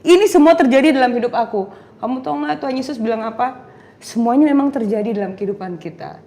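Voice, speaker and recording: A young woman, somewhat high-voiced, tells her testimony with lively, animated storytelling. She acts out the voices in her story and mixes in English phrases as she goes. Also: quick pace. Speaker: guest giving a testimony. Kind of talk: emotional testimony interview.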